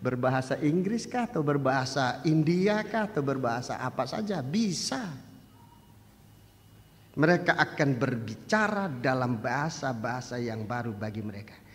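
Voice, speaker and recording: An older male pastor preaching a sermon, moving from quiet conversational asides to loud, rising exhortations and direct appeals to the congregation. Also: mid-range voice, animated, moderate pace. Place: church. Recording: long church-hall reverb.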